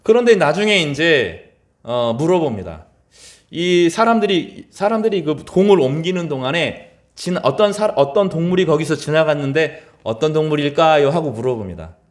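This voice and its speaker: A middle-aged man preaching a sermon as pastor, his voice rising high in quoted lines and dropping low at the end of phrases. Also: expressive, normal speed.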